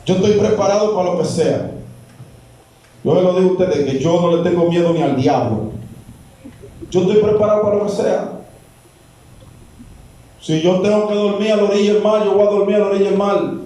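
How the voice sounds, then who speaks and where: A man's voice: sits high, a little fast, pauses often, mellow, very echoey, distant mic, poor audio. A man preaching a sermon as pastor, with emphatic repeats that climb and drop. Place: church.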